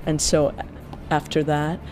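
An interpreter giving a translation voice-over in the first person, in a measured, steady way that often drops quieter. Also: mid-range voice, faint music behind.

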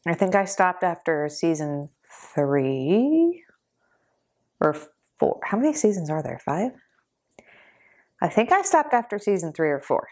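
A woman hosting a reaction vlog, tearful and upset, speaking haltingly and trailing off between heavy sighs. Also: lowish voice, big pitch swings, darkish tone. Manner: halting, sighing, trailing off mid-sentence. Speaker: reaction video host.

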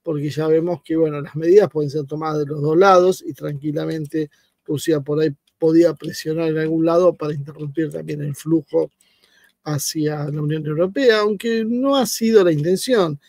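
A man's voice: on the high side, steady tone, normal speed, vocal fry, darkish tone, dry recording. A man with an Argentine accent giving hesitant, filler-heavy political analysis on a live stream over a remote line. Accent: Argentine Spanish.

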